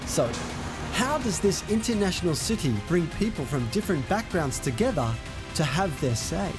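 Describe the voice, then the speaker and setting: A man giving scripted documentary narration in a measured, explanatory way. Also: high-pitched, sing-song, over music.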